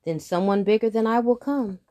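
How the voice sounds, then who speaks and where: A woman's voice: low-pitched, brisk, vocal fry. A woman voicing a young female buffalo who delivers a message in a firm, matter-of-fact way.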